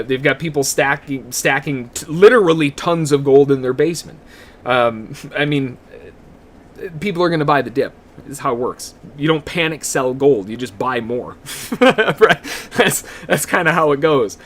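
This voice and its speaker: A man walks through market charts live on a stream, talking in a loose, chatty way and laughing often. His voice sits a little high for a man. He greets viewers in the chat by name as he goes. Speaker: day trading analyst.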